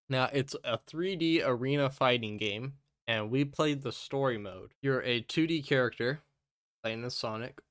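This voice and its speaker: A man hosting a casual gaming podcast, talking in a rambling, halting way with his speech muffled by gauze in his mouth. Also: medium pitch, a bit bright, clean tone, dry recording, clean studio sound. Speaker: podcast host.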